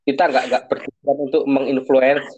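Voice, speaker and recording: Seorang pria berusia dua puluhan dengan aksen Jawa, mengobrol santai sambil bercanda dan sesekali mengumpat sebagai pembawa podcast. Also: male voice, mid-range voice, monotone, normal speed, a little mellow, slightly rough. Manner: loose, joking, swears casually. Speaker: podcast co-host. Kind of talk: casual chat. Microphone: remote call.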